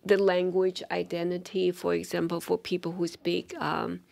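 In a small, bright studio with a sofa, a university dean from Taiwan, a middle-aged woman, talks through an interview conversation into a stand-mounted studio mic. Her lowish, slightly mellow voice is monotone with vocal fry, at a moderate pace. She comes across as thoughtful, restarting often and filling pauses frequently.

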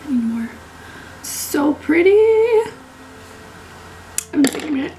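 Still recovering from illness, this twenties beauty vlogger clears her throat as she talks, her high voice raspy and not quite clear. She speaks slowly and a little mellow, gushing in casual vlog chat and slipping into whispers as she does makeup. The low-quality camera mic, framed close in her small bedroom, picks up a little hiss or hum.

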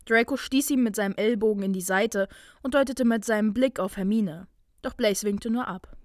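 A woman reading a fan story aloud in a calm, even storytelling manner. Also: medium pitch, moderate pace, no echo, studio quality. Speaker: fanfiction reader.

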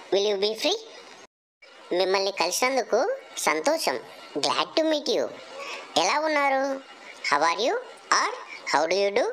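A woman teaching English phrases, reading each one slowly after its Telugu translation. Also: mid-range voice, fairly bright tone, a little hiss or hum, low-quality recording. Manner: slow, deliberate reading of phrase pairs.

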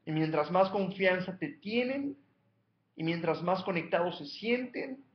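A man's voice: high voice, animated, measured pace, reverberant, dull audio. A man giving a motivational coaching talk, emphatically counting off numbered steps and repeating his key points. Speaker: life coach.

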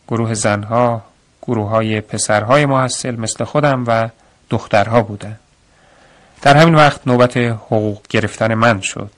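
A man narrating a radio story in the first person, with measured, reflective pacing. His voice sits at an ordinary middle pitch. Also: fairly bright tone.

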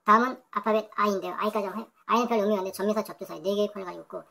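A woman's voice: mid-range voice, steady tone, rapid-fire, gravelly, pushed and bright, a little hiss or hum. A woman going through English vocabulary entries one by one, repeating each word several times and adding her own remarks. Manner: repeats words over and over, thinks aloud. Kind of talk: reading dictionary entries aloud with comments.

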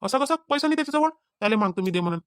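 A woman's voice: fairly high pitch, animated, rapid-fire, no room sound, studio quality, lightly acted. A woman voicing a young cartoon husband who keeps questioning and pleading. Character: young husband short of money.

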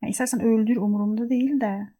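A young woman commentating her game in a relaxed, mellow voice set a little high. She reacts on the spot, jokes at what happens and swears freely. The sound is dry and close. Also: fast, dry recording. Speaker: gaming channel host. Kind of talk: casual let's-play commentary.

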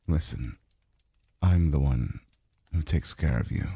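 In an exaggerated, animated character voice, a man plays a weary, reluctant immortal lover being soothed in an intimate ASMR roleplay, tired yet tender. He speaks extremely low, husky, gravelly and breathy, murmuring very slowly and haltingly between soft sighs. The mic is close and dry, without echo.

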